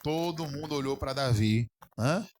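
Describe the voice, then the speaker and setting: A man's voice: medium pitch, measured pace, a little mellow, a little hiss or hum. A man preaching a sermon on a Bible lesson as pastor, often stopping to ask the congregation questions and calling them brother.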